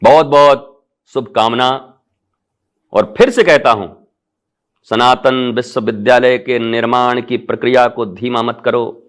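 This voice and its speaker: Spiritual teacher, middle-aged man, mid-pitched voice, devotional sermon with rhetorical appeals to the crowd. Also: fairly even intonation, unhurried. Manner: impassioned, rising to emphatic peaks then softening; rhetorical calls to the audience. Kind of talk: devotional discourse.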